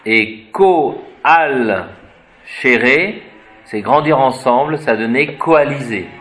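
Man, slow deliberate etymology teacher, spells words letter by letter, halting and musing. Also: medium pitch, lively intonation, a bit bright, soft background music. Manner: hesitant, searches for words with fillers. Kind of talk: unscripted etymology lecture.

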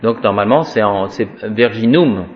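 A man's voice: on the low side, normal speed, highs cut off. A man giving an informal Latin grammar lesson. He talks in a chatty, wry way and drills declensions aloud. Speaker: Latin teacher.

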